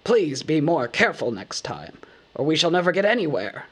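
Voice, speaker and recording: A man voicing an old male wizard who talks briskly and scolds with impatience. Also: fairly high pitch, sing-song, fairly bright tone, husky, pitched above the performer's own voice, full character voice. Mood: stern. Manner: brisk, scolding, matter-of-fact. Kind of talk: audiobook character voice.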